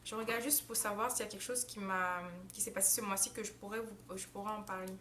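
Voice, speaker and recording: A woman's voice: medium pitch, steady tone, quick pace, bright, forceful tone, a little hiss or hum. A young woman au pair chatting in a casual vlog, talking freely with many fillers and restarts and laughing often. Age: young adult. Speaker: au pair vlogger. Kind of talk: casual monthly recap vlog. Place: home in the United States.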